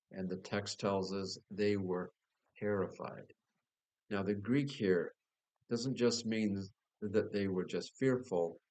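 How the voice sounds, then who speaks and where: A man preaching a sermon as pastor, explaining scripture verse by verse and slowing down to stress key words. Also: lowish voice, a little mellow, poor audio. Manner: expository preaching with a dry joke, slows for emphasis.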